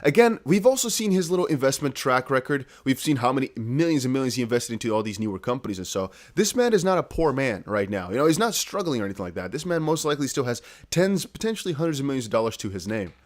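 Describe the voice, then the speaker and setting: Speaking fast with few pauses, this Dutch man has a medium, sing-song voice. He's a crypto news streamer from the Netherlands giving casual, emphatic commentary, chatting with viewers directly and circling back to the same points.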